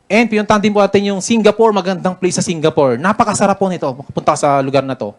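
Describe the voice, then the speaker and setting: A Filipino man from the Philippines, working as a business mentor, speaks in a high voice at a quick pace. His motivational talk is chatty and jokey, built on stories he laughs through as he tells them.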